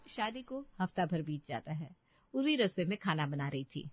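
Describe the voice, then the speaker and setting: A woman's voice: deep voice, sing-song, normal speed, no room sound. A woman narrating a domestic story in a plain storytelling manner, recorded dull and dry.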